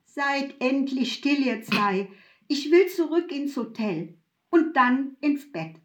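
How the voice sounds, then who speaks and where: A woman's voice: sits high, sing-song, slow pace, echoey room, exaggerated voice. A woman voicing a frightened young woman who snaps back in a story reading. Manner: snappish, scared. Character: frightened young woman alone in a dark forest. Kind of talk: audiobook reading.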